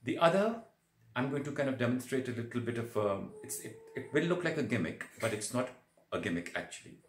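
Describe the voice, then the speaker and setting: A man giving a spoken yoga breathing lesson, explaining in a halting, deliberate way with repeated words. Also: mid-range voice, lively intonation, slight background noise. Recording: roomy echo on the voice.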